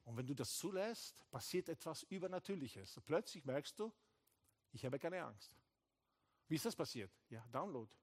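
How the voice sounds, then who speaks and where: A male pastor delivers a lively sermon with a somewhat high-pitched voice. He swings between loud, excited emphasis and quieter, intimate moments. He acts out brief exchanges and slips English phrases into his German. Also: moderate pace. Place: church hall.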